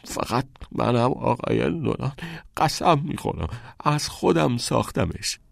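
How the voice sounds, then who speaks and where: A man's voice: sits low, animated, no room sound, studio quality. A man voicing a defiant teenage schoolboy who answers in strained, choked replies in an audiobook. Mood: pained, choked. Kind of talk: audiobook character voice.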